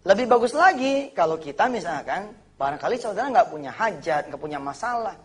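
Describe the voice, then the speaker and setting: A high-voiced man delivers a lively sermon. He jokes, slips into street slang and acts out little quoted exchanges as he talks. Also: a little fast. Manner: animated, jokey, mixes in slang and acted quotes. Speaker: preacher. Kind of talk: lively sermon to a live audience.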